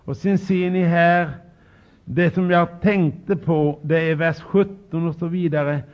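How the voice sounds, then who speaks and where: A man preaching a sermon, talking straight to the congregation and shouting out scripture quotes with emphasis. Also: fairly high pitch, fairly even intonation. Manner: talks directly to the congregation. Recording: dull lo-fi recording.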